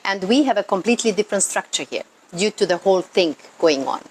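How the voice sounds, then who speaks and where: Talking quickly and with lively intonation in a mid-range voice, a Croatian woman who works in local tourism improvises explanations to camera in her non-native, accented English, emphatic and earnest, repeating words for stress. Poor audio lets ambient noise come through noticeably.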